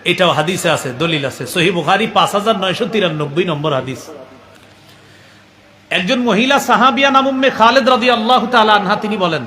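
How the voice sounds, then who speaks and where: High, bright-voiced male preacher. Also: fairly quick. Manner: animated storytelling, acting out quoted voices; recites Arabic passages then explains them. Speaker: Islamic preacher. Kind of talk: sermon on parenting.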